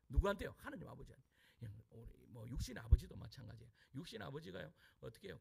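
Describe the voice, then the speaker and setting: A male pastor preaching a sermon, asking his congregation questions and answering them himself, dropping to hushed asides and rising to shouted lines. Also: high-pitched, gravelly, slightly rough.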